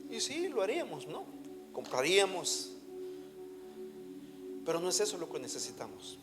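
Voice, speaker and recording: A man's voice: sits high, wildly swooping pitch, normal speed. A man preaching a sermon as a pastor, in an emphatic, fervent manner. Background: soft music.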